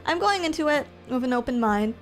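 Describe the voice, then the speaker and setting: While gaming on a livestream, a streamer and VTuber talks to her viewers in a chatty, rambling way, frequently repeating herself. Her voice is high, expressive and a little fast, and soft background music plays underneath.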